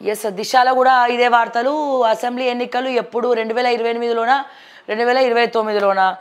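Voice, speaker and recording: Brisk and a little high, this female news presenter keeps her intonation fairly even as she goes through the papers and weighs in on politics. She has a Telangana accent and a conversational style that is blunt and questioning, often addressing people head-on.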